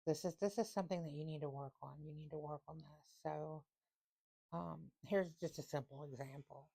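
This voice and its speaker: A woman with a low voice talks through a casual tarot reading. She reads card text slowly and deliberately. She repeats her points for emphasis. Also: vocal fry, mellow. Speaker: tarot reader.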